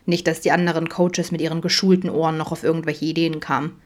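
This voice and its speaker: A woman narrating a fanfiction audiobook in a calm, even reading voice. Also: low voice, fast.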